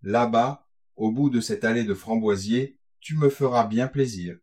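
A man reading a gothic tale aloud, voicing an anxious young woman who pleads gently with her lover. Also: mid-range voice, measured pace, natural voice. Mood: pleading.

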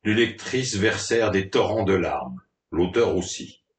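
A man's voice: low voice, animated, a little slow. A man narrating a story in a dramatic, mock-melodramatic reading style. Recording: roomy, distant from the mic.

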